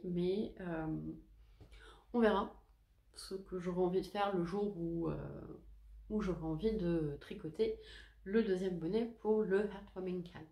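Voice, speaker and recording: A woman's voice: mid-range voice, dark tone. A woman hosting a knitting podcast, talking casually to camera in a chatty, hesitant and self-deprecating way. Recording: echoey room.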